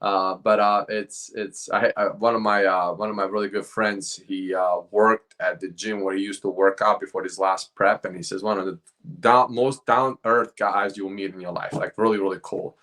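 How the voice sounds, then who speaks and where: Low-voiced man, relaxed fitness coach. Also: moderate pace. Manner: relaxed, rambling, often ends phrases with "man". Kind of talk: casual podcast chat.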